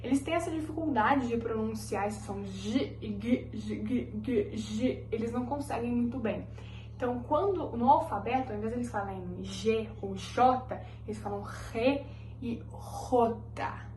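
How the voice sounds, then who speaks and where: A woman leads a lesson at an unhurried, deliberate pace, saying each letter over and over for students to copy. Her voice sits a little high. The recording is roomy, with a clear echo around her. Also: darkish tone, faint music behind. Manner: patient, drills each letter by repeating it slowly. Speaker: Spanish teacher. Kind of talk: language lesson explanation.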